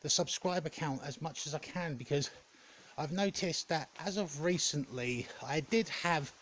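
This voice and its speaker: Male vlogger, slightly high voice, halting and self-correcting casual chat, light background noise. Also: fairly bright tone, rough recording. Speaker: gaming content creator. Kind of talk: casual vlog update, rambling talk.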